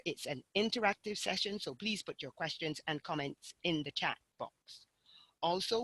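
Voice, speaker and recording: Woman, call host, formal and measured, bright voice, dry sound. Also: low-pitched, no echo, poor audio. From Barbados. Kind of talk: hosting an online call.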